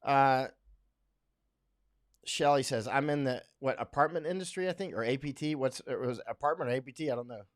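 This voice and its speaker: A man's voice: medium pitch, fairly quick. A man from Florida hosting a casual livestream, reading viewer comments aloud and answering them in a rambling way full of fillers and restarts. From Central Florida, USA. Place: home in Thailand.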